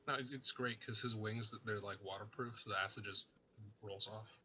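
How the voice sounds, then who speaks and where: A man's voice: lowish voice, fairly even intonation, normal speed, sharp tone. A man chatting casually as a player in a tabletop game. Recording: faint background noise.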